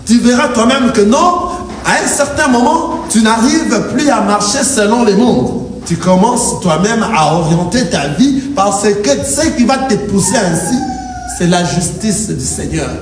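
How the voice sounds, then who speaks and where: Animated but a bit slow, the high-voiced pastor preaches emphatically in a church hall, trading call-and-response with a congregation that answers amen. Echo, distance from the mic, and faint noise shape the sound.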